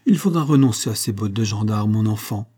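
A man's voice: on the low side, animated, a little fast, dark tone. A man reading the part of a teasing, sly middle-aged master of the house, in a jovial mocking tone.

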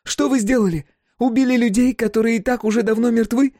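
A man voicing a defiant young woman who shouts and pleads with trapped souls, in an audiobook reading. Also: very high voice, steady tone, fairly quick, dry recording, clean studio sound, voice pushed up. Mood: shouting.

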